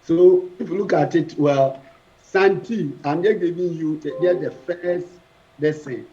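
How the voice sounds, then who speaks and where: A man's voice: fairly high pitch, warm tone. A man teaching a French verb lesson to a class, drilling conjugations and quizzing students. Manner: slow, repetitive drilling with questions to the class. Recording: dull lo-fi classroom recording.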